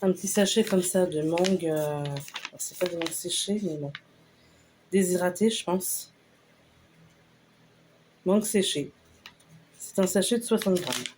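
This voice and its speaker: A woman casually talking through a shopping haul, unhurried and hesitant with lots of fillers. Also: on the low side, darkish tone, slight background noise. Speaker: vlogger showing a store haul. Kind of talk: casual haul video chat.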